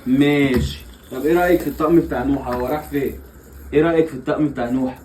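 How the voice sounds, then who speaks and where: A man's voice: mid-range voice, steady tone, racing, darkish tone, a little hiss or hum, poor audio. A young father with an Egyptian accent playfully coaxing his small children in a family vlog, laughing often. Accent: Egyptian Arabic. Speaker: father and vlogger.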